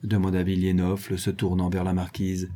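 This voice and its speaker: A man with a husky voice reading a literary novella aloud in a measured, calm way. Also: low voice. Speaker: audiobook narrator.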